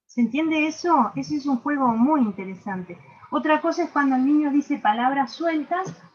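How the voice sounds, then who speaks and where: A woman with a Uruguayan accent teaches an online workshop, her voice sitting somewhat high. She explains step by step, dropping fillers and asking if everyone follows. The sound is a bit dull and lo-fi, like a video call. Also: expressive, normal speed, a little hiss or hum. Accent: Uruguayan Spanish. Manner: explanatory, frequent filler "este" and checking questions. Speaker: workshop instructor.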